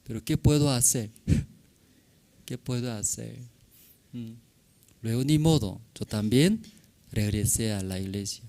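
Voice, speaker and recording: A man's voice: medium pitch, slow, pauses often. A male pastor with a Korean accent, a native Korean speaker, telling a personal story in a sermon in simple broken Spanish, often checking in with tag questions. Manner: animated, acts out shouting in the story.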